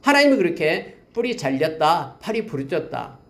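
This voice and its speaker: A man's voice: on the high side, normal speed, creaky, reverberant. A man preaching as a pastor in a church, teaching a Bible passage verse by verse with emphatic, rising readings. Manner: lively, emphatic preaching that rises for scripture readings. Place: church sanctuary.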